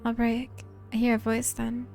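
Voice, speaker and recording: A woman streamer reads a grim story game aloud in a quiet, tense first-person voice that slips into whispers. Her pitch sits above average yet stays flat and narrow. Low music runs underneath. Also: moderate pace, creaky. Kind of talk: dramatic reading of a story game.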